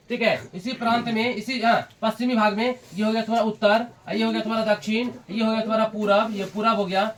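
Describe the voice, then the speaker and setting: A young man teaching a classroom lesson, repeating points, quizzing students, scolding and joking with them. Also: high-pitched. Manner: repetitive, drills students with questions. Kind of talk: classroom lecture.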